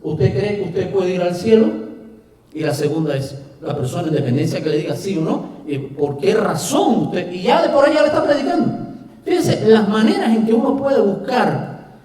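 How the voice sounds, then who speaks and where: Cuban-accented male preacher, conversational sermon, high-pitched, booming church echo. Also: lively intonation, normal speed, warm tone. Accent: Cuban Spanish. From Cuba. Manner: conversational, with asides and rhetorical questions. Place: church hall. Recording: echoey hall from far off.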